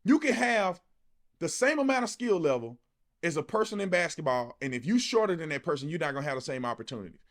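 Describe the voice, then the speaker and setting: Talking fast in a slightly high, sing-song voice, a male political commentator gives a passionate, informal opinion piece. He repeats himself for emphasis and keeps throwing out rhetorical questions.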